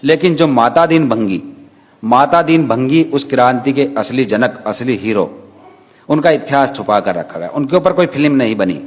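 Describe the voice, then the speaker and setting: A man, a filmmaker, talks casually on camera about his animated film, explaining it while giving quick instructions to a helper. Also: mid-range voice.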